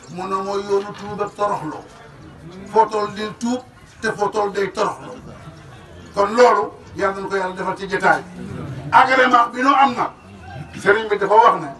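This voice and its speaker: A man delivers an emphatic religious address, his voice pitched high. He sounds distant from the mic, and the sound rings through an echoey space. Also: fairly bright tone. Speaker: religious speaker. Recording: echoey, from far off.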